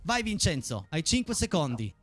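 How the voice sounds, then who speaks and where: A man's voice: a little high, big pitch swings, normal speed, a bit bright, soft background music. A man hosting a live call-in quiz show in a showy manner, stretching out questions and exclamations. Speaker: TV game show host.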